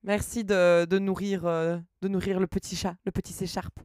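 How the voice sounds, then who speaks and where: A woman's voice: on the low side, little pitch movement, moderate pace, darkish tone, no room sound, studio quality. A woman streaming live, chatting casually and reading her chat aloud, laughing often.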